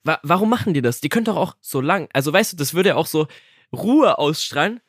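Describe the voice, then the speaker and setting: Young male co-host, lively swooping pitch, chatty and swearing, dry close sound. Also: fast talker, no echo. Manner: animated and chatty, swears, keeps asking "you know what I mean". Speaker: podcast co-host. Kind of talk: casual chat.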